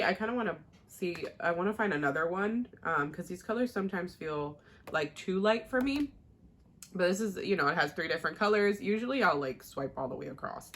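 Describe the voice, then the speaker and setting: Young woman vlogger, bright and chatty, slightly low voice, rambling makeup chat. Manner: chatty, rambling, with fillers and laughs. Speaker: beauty vlogger. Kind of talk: casual makeup tutorial chat.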